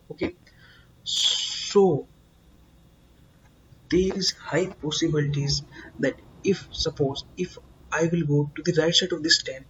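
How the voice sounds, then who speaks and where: A man teaching a coding lesson, explaining slowly and emphatically, repeating words and filling pauses with "uh". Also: fairly high pitch, lo-fi sound, a little hiss or hum. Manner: slow, repetitive, emphatic explaining with many fillers. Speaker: programming tutor.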